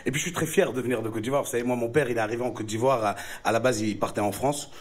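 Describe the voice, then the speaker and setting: A man from Ivory Coast doing stand-up comedy, telling animated stories with punchlines to a live audience. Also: medium pitch, racing. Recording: live show with loud audience.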